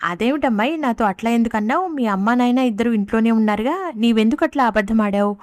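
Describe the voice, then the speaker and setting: A woman voicing a kindly, worried old gentleman who gently coaxes a child with questions. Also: fairly high pitch, fast talker, no room sound, clean studio sound, natural voice. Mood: puzzled.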